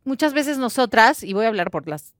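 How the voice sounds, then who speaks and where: A woman's voice: fairly high pitch, fairly quick, no echo, studio quality. A woman with a Mexican accent, hosting and talking expressively in a casual chat. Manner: expressive, animated storyteller. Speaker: host.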